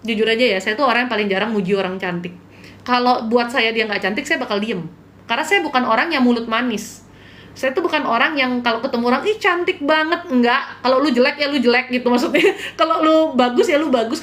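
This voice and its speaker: A woman's voice: on the high side, fast, a bit bright. A woman hosting a live stream as a spiritual healer, telling a client's story in a casual style, earnest and candid, sometimes pleading with viewers.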